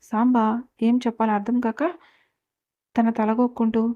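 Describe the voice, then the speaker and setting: A woman hosting her own channel, narrating a serialized family story in a steady, even reading manner. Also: fairly high pitch, normal speed, no room sound, highs cut off.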